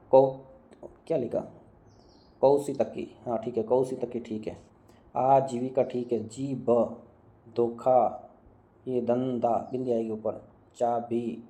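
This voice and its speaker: A man teaching Hindi grammar in an online exam-prep lesson, running through words and repeating them, quizzing students with quick questions and answers. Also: mid-range voice, warm tone.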